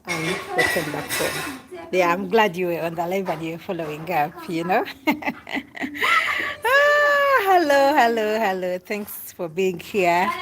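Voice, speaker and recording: A woman's voice: on the low side, background noise. Chatty Ugandan woman streaming from home. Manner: chatty, laughs often, calls out to family off-camera. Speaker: vlogger doing a live stream. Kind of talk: casual live-stream chat. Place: family home in a village.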